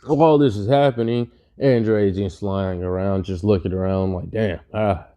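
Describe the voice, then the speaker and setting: Young male storyteller, mellow, rambling and casual. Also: fairly low pitch, steady tone, normal speed, highs cut off. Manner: rambling, profane, laid-back. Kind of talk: casual improvised fan storytelling.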